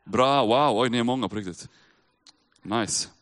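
A man's voice: medium pitch, a bit bright. A man preaching a sermon to a live congregation, talking casually and straight to his listeners, and pressing harder on key points. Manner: conversational, addresses listeners directly, rises in emphasis. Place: church with a live audience.

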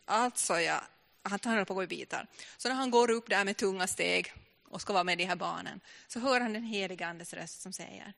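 A woman's voice: mid-range voice, gravelly, fairly bright tone. A woman preaching a sermon in a church, telling a personal testimony with many restarts and fillers.

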